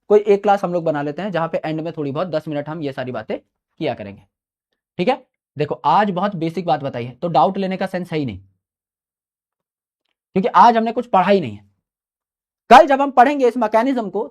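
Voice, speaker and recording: His voice sits high with a darkish tone as the young man teaches biology live online. Chatty throughout, he gives study advice in Hindi sprinkled with English phrases and calls his students "brother".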